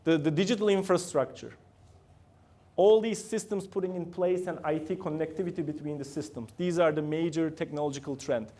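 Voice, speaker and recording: A middle-aged guest lecturer with a Turkish accent addresses students in a university room, often asking the room questions and using loose grammar. His voice is a little high and mellow, and he talks fairly quickly.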